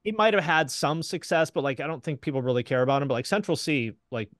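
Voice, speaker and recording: Relaxed American man, dry sound. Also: fairly high pitch, fast talker, no room sound. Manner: relaxed, easygoing, many fillers. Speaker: guest. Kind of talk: casual chat.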